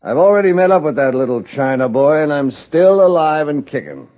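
An actor playing a gruff, folksy middle-aged male railroad superintendent in an old radio drama, brushing off warnings. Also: a little high, expressive, brisk, natural voice. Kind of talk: 1950s radio drama acting. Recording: muffled old radio broadcast.

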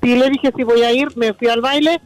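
A woman's voice: on the high side, steady tone, brisk, no room sound, faint music behind. A woman calling in to a radio show, telling her story in a frank, matter-of-fact way. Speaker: caller. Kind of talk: call-in story.

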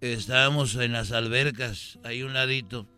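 A man telling a comic story about his family in a slow, deadpan way. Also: mid-range voice, soft background music. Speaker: comedian telling an anecdote. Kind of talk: comedy sketch storytelling.

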